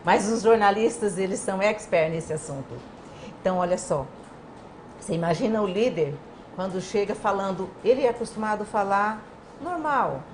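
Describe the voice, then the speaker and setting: Woman, interview guest, animated explainer, acts out quotes, faint noise behind. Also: mid-range voice, a little fast. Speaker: guest communication expert.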